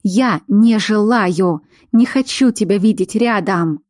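A woman's voice: medium pitch, takes it slowly, a little mellow, no echo, studio quality. A woman voicing a frightened but defiant young fox-shifter woman in an audiobook, speaking in a raised, agitated voice.

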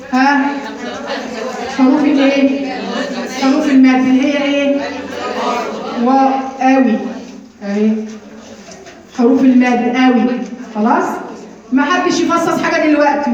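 High-voiced Egyptian woman teaching in an echoey room. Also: darkish tone. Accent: Egyptian Arabic. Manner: drills by repetition, asks and answers her own questions, teasing and brisk. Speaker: Quran recitation teacher. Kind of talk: classroom lesson with drills. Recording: very echoey, distant and dull-sounding.

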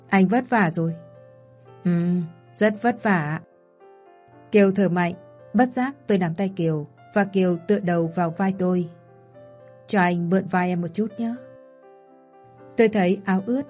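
A woman narrating a romance story in the first person, reading every character's lines in her own even voice. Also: mid-range voice. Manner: reads all the parts in one even voice. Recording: soft music behind the voice.

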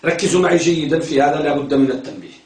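Male lecturer, high voice, heard from a distance in a roomy classroom, quizzes and repeats terms. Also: racing, a little mellow. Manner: questioning, repeats key terms, tells students to focus. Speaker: teacher of hadith terminology. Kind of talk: classroom lecture with questions to students.

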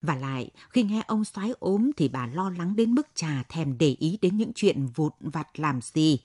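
A woman narrating a short story for a late-night radio program in a calm, even storytelling manner. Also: low voice, measured pace, husky, dry recording, studio quality.

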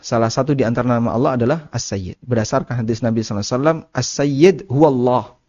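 Male Islamic teacher, calm explainer fielding questions, dry muffled lo-fi sound. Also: medium pitch, very fast, no echo. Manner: calm, explanatory, informal asides. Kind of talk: religious study Q&A. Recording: dull muffled dry recording.

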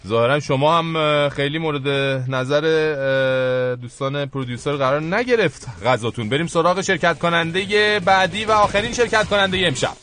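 A man's voice: on the high side, hardly any pauses, fairly bright tone. Hesitant male radio host, faint music. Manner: hesitant, with many fillers. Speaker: host of a comedy contest sketch. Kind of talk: comic radio hosting.

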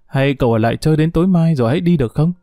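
A man voicing a lively teenage girl who teases and bosses her uncle. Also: fairly high pitch, rapid-fire, no room sound, studio quality, lightly acted. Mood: pleading. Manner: playful, teasing, commanding.

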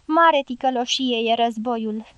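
Storybook role: a blunt, loyal guerrilla man, read by a woman, high voice, dry sound. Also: fairly bright tone, clean tone, dry recording, lo-fi sound, natural voice. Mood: blunt, sorrowful. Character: rough male guerrilla fighter, grieving and loyal.

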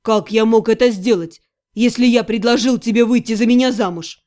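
A woman voicing an earnest young male necromancer who speaks quietly and sincerely. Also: on the high side, moderate pace, pitched below the performer's own voice, lightly acted. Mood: tender, earnest. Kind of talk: audiobook character voice.

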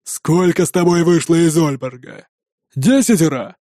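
A man's voice: fairly high pitch, moderate pace, mellow, no echo, studio quality, close to an everyday voice. A man putting on a sneering viking oarsman. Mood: scolding. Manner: sneering, hammering each word. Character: scornful sarcastic male viking rower, hot-tempered. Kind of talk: audiobook character voice.

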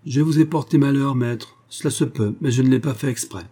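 A man voicing a proud young foundling servant girl who speaks calmly and scornfully. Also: mid-range voice, a little fast, pitched above the performer's own voice, natural voice. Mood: defiant. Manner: calm, clear, scornful.

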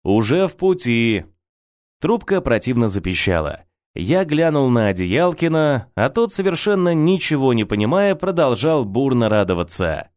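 A man reads a first-person audiobook with a wry, ironic lilt and lively, varied pitch. The recording is close and dry, with no room sound. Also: normal speed, hardly any pauses, no echo. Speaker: audiobook reader.

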